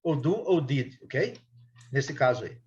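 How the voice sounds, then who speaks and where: A man teaching an English class online, explaining slowly with many hesitations and repeated words. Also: mid-range voice, sing-song, darkish tone, muffled recording.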